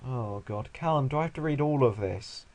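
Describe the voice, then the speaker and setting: A young man reading a visual novel aloud, breaking off into sarcastic, crude, deadpan asides. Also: medium pitch, normal speed. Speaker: let's play host.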